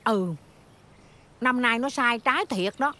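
An actress with a Southern Vietnamese accent playing a kindly, chatty middle-aged village aunt who tells stories animatedly. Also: female voice, a little high, slow pace, bright, forceful tone. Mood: chatty warm.

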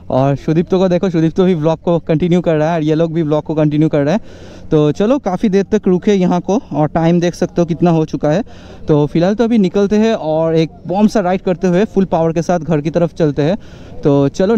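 A young man, chatting excitedly to his viewers while riding a motorcycle through city traffic. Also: a little high, clean tone, muffled recording. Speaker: motovlogger. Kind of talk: casual running commentary while riding. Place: outdoors on busy city roads, riding a motorcycle. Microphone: action camera on the rider. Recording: loud road and engine noise.

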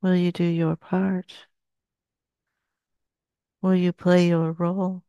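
Speaking as a seance medium in trance, a sixty-something woman uses a smooth voice and a solemn, very even pitch, leaving long gaps between short phrases. The headset sound is close, dry, echo-free, and somewhat dull, captured in a small, dim indoor room.

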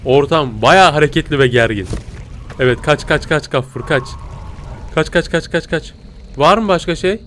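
Jumpy, excitable male gamer. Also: on the high side, normal speed, slight background noise. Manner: jumpy and excitable, swinging from tense whispers to loud yelps; talks to viewers as "pisicikler". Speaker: gaming YouTuber. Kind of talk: casual Let's Play commentary.

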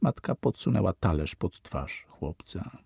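A man narrating an audiobook in a slow, measured reading. His voice is low, dark and gravelly, with a husky edge. The sound is close and dry. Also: animated, dry recording. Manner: slow, measured reading with falling, quiet endings. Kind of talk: scripted narration.

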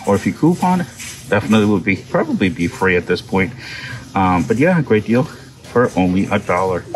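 Deep and sing-song at a normal speed, this man's voice comes through a low-quality phone recording with music and store ambience behind it. He hosts a shopping vlog, chatting casually and reading product labels as he strolls a large discount store.

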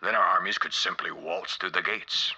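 An actor playing a calculating villain scientist in a video game, formal and clinical, musing with quiet menace. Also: male voice, sits low, steady tone, moderate pace, slightly rough, full character voice. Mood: clinical, pleased. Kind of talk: video game character acting.

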